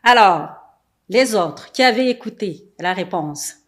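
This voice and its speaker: A woman's voice: mid-range voice, animated, unhurried. A woman hosting a studio panel, speaking hesitantly with many fillers and upbeat interjections. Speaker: host and moderator. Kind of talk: moderating a youth panel.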